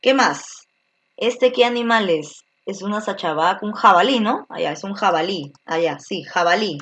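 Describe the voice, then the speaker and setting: A woman's voice: medium pitch, animated, moderate pace, a bit bright, husky. A woman teaching an online grammar class, explaining step by step and checking in with frequent tag questions. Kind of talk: virtual grammar lesson.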